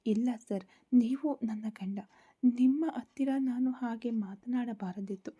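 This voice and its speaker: A woman voicing a tearful young wife apologizing to her husband over the phone, in a soft breathy voice. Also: on the high side, unhurried. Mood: pleading. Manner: pleading, soft breathy delivery.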